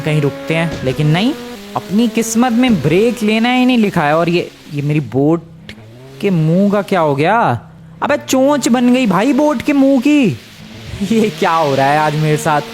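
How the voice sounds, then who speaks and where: A man giving casual game commentary, excitable and exclaiming, talking to his viewers as friends. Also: on the high side. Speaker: gameplay commentator.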